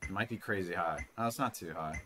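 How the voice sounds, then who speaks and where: A retro gaming channel host in his thirties chats casually through a retro handheld game at home on a desk mic, rambling and swearing now and then. His voice is low, brisk and bright, with a forceful tone.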